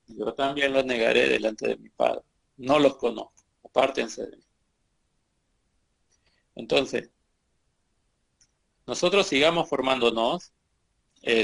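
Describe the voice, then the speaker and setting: A man's voice: medium pitch, creaky, fairly bright tone. A man teaching his congregation in an earnest sermon, repeating phrases and rising into emphatic bursts. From Bolivia.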